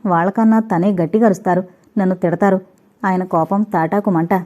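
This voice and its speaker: A playful young wife rattles on in quick, teasing chatter, as a woman reading the novel takes her part. The sound is thin and tinny, like a phone line. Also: fairly low pitch, steady tone, dark tone, close to an everyday voice.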